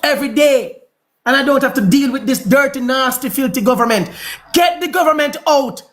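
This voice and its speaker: A man's voice: very high voice, normal speed, a bit bright. Heated Jamaican man ranting on stream. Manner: preachy, repetitive, heated. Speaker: livestream host. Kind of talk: ranting livestream monologue.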